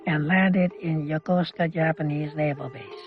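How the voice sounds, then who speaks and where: An older Canadian interviewee recalls childhood in personal oral-history storytelling, using plainspoken, short, reflective phrases. The voice is medium-pitched with fairly even intonation at normal speed, heard as dull lo-fi audio under background music.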